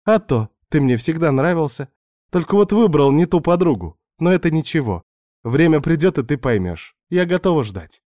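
A man's voice: a little high, big pitch swings, moderate pace, a little mellow, no room sound, clean studio sound, pitched above the performer's own voice. A man putting on a brazen, teasing young woman. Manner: teasing, insistent.

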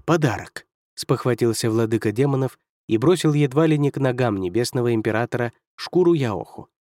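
A man reads fantasy prose as an audiobook narrator, with lively, expressive delivery. His voice sits in an ordinary middle male range. The recording is close and dry. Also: mid-range voice, no echo. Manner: expressive storytelling.

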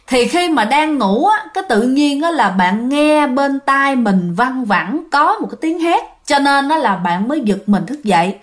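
High-voiced woman telling a ghost story. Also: big pitch swings, unhurried, hardly any pauses. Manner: chatty, addresses listeners directly. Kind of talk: casual ghost story narration.

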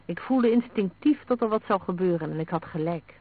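A young reporter gasps out his news in a hurry, as a male reader plays him. His voice is high and comes through a thin phone-like band. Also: lively intonation. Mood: breathless. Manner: out of breath, hurried. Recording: narrow phone-like sound.

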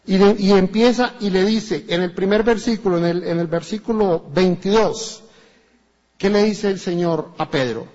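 A man preaching a sermon in a church with a Colombian Spanish accent, animated and acting out the voices of people in his stories. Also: sits high, moderate pace. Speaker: pastor. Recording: dull echoey church recording.

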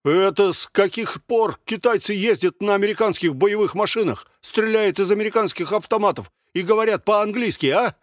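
A cocky, sneering soldier from an audiobook, as the male reader puts him on, pitched higher than a plain voice and full of needling sarcasm. The sound is close and dry. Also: animated, moderate pace, dry recording, lightly acted. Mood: mocking. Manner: mocking, needling.

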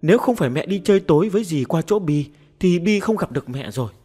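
For an audio story, a man voices a sulky little ghost girl, high and childish, pleading through tears in a tearful mood. The husky voice swings wildly up and down, animated and brisk with a slightly mellow quality.

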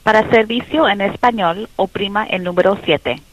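A woman's voice: mid-range voice, a little fast, dry recording. A woman's voice in a recorded phone menu message, a short, clipped prompt played over a phone line. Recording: dull, dry phone line.

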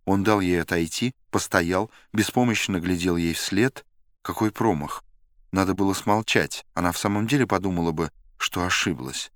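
Deep-voiced male audiobook narrator. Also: normal speed, no echo, studio quality. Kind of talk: scripted literary narration.

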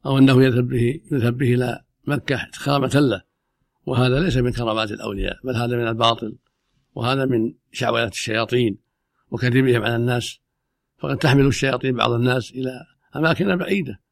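A man's voice: mid-range voice, fairly even intonation, fast talker, vocal fry, no echo, clean studio sound. A man speaking as an Islamic scholar, giving unscripted religious rulings in formal Arabic in a stern, emphatic, repetitive manner. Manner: stern, emphatic, repeating himself.

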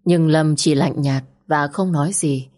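Brief: deep-voiced female storyteller, steady and reflective first-person narration. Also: a little slow.

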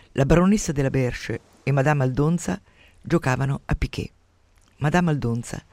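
A man hosting a radio program who retells and reads from a novel in an expressive, conversational way. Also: a little high, dry recording. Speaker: radio host reading and discussing a novel. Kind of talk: literary reading and commentary on radio.

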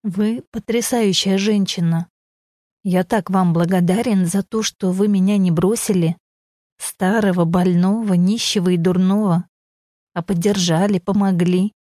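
A grey-haired older man who admits to grumbling and now pleads for forgiveness, read by a woman narrator. The voice is mellow and dark, recorded close and dry for an audiobook. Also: medium pitch, fairly even intonation, unhurried, dry recording, close to an everyday voice. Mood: pleading.

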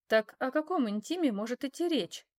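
A woman's voice: high voice, animated, moderate pace, a little mellow, pitched above the performer's own voice. A woman doing a cool, mocking young wife. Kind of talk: audiobook character voice.

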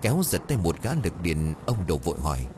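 A man's voice: deep voice, sing-song, a little fast, noisy background. A man narrating a dramatic audiobook story.

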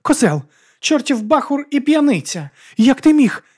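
A man voicing a hurt, furious young woman, in a high, tearful, shouting voice. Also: fast talker, no room sound, studio quality, close to an everyday voice. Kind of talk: audiobook character voice.

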